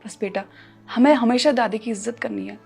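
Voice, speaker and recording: A woman playing a meek daughter-in-law and loving mother who pleads softly and soothes her child, in a family short film. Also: on the high side, normal speed, gravelly, faint music behind. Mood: soothing.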